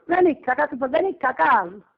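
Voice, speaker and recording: A woman with a Sicilian accent argues over the phone. Her voice is very high and her manner scolding and combative, heard through a dull, lo-fi line. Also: expressive, fairly quick, creaky. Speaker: prank call target. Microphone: telephone.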